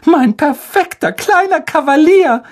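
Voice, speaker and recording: Shrill gushing fussy aunt, way up high and super lively. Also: measured pace.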